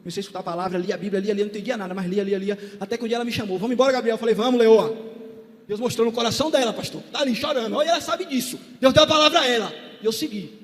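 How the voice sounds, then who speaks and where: A man giving a testimony sermon in a church, moving between quiet storytelling and shouted calls to the congregation. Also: high-pitched, very fast. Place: large church hall. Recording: long church hall reverb.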